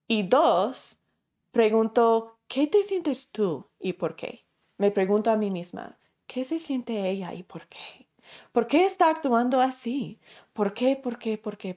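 A woman teaches a class at a middle pitch, neither high nor low. She talks it through conversationally, asking herself questions and acting out everyday examples, and corrects herself as she goes. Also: a little mellow. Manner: explains through self-questioning and acted examples; conversational, with fillers and self-corrections. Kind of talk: spoken lesson to a class.

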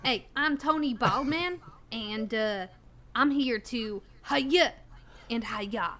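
A woman voicing a brash, upbeat male monk with a Wisconsin accent, loud and chirpy. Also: fairly high pitch, slow pace. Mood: cocky. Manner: loud, chirpy greeting catchphrase.

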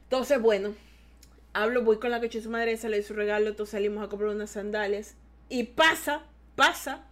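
A young woman hosting a podcast, telling a story in casual chat with a dramatic, animated delivery, acting out what others said and swearing, then censoring herself. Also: mid-range voice, fairly quick. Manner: animated, dramatic, acts out quoted voices. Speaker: podcast host.

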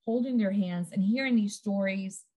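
A middle-aged woman talking as a guest in a casual conversation, telling lively stories and acting out quotes. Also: medium pitch, normal speed. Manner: lively storyteller, acts out quotes.

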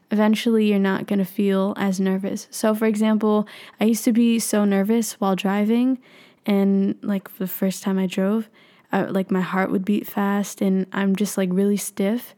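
Casting: young adult woman, mellow voice, speech shaped by braces, candid and reflective casual podcast host. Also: medium pitch. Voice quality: talking with freshly tightened braces. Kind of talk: casual confessional solo podcast talk.

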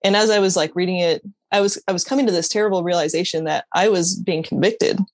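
Appearing as an interview guest, a woman shares her personal faith testimony in an earnest, candid way, often stopping and restarting sentences and laughing at times. Her voice sits on the low side and she talks fast. The recording is dry.

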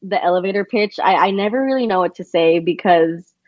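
A woman's voice: lowish voice, brisk, a little mellow, dry recording. A woman from the Philippines and California, a singer-songwriter chatting casually as a podcast guest. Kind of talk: casual interview chat.

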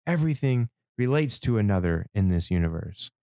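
A man performing a spoken-word poetry monologue as a host, with a dramatic, deliberate delivery in short measured phrases. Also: fairly low pitch, sing-song, warm tone, no echo, studio quality. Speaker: podcast host.

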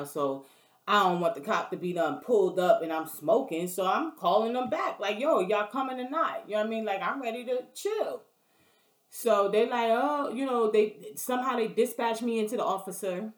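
A woman's voice: medium pitch, normal speed. A woman telling a story in a blunt, profane, casual rant, often checking in with the listener. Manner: blunt, profane, keeps asking "you know what I mean". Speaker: vlogger. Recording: roomy echo.

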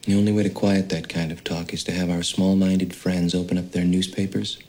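A man's voice: low-pitched, little pitch movement, fairly quick, a little mellow. A stiff rich father. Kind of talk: film dialogue.

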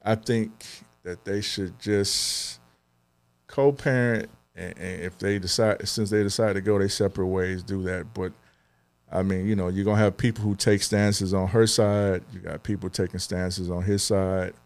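A man's voice: sits low, steady tone, moderate pace, creaky, a little mellow. A young adult man co-hosting a podcast, talking earnestly in casual chat, with many fillers and restarts. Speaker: podcast co-host.

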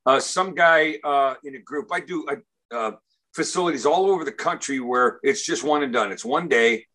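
A man in casual conversation, telling a funny story, animated and often repeating words as he starts sentences. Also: on the high side, moderate pace. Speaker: comedian and recovery speaker.

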